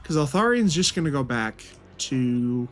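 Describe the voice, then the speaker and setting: A man's voice: mid-range voice, lively intonation, measured pace. A man thinks aloud in casual commentary as he plays a strategy game. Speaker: gaming video host.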